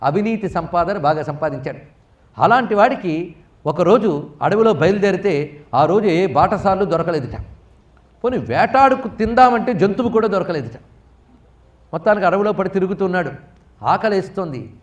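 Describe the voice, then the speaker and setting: A man with a Telugu accent delivers a spiritual discourse, high in pitch, and his voice sounds a little distant from the microphone. He tells a devotional story, acts out the characters' lines, and turns to his listeners with questions. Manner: animated storyteller who acts out characters' words and questions the audience. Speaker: spiritual lecturer.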